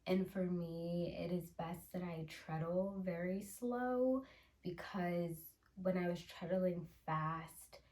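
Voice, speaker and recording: A woman hosting a casual show-and-tell vlog, chatty and unhurried, with soft laughs and fillers. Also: lowish voice, fairly even intonation, reverberant. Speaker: channel host.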